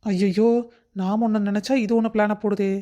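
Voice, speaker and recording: A woman's voice: medium pitch, flat delivery, normal speed, dark tone, close to an everyday voice. A woman voicing a crafty young daughter-in-law in a cartoon story. She sweet-talks and puts on tearful pleading. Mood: scheming. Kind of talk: cartoon voice acting.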